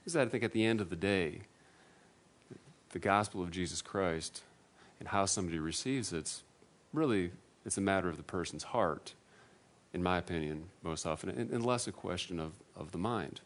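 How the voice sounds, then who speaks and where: Man, very low voice, personal testimony, earnest, self-deprecating, halting delivery. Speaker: speaker giving a testimony. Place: room with an audience.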